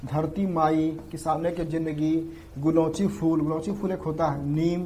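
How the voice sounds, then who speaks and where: Man, exam prep teacher, fairly high voice, repeats points, faint noise behind. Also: little pitch movement, a little slow, dark tone. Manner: repetitive, drilling points to students. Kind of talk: classroom lecture.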